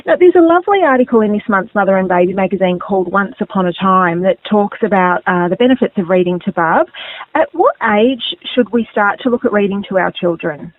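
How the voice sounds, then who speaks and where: A woman's voice: mid-range voice, animated, fairly quick, no room sound. A woman with an Australian accent hosting a conversational radio interview as the interviewer. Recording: narrow phone-like radio audio.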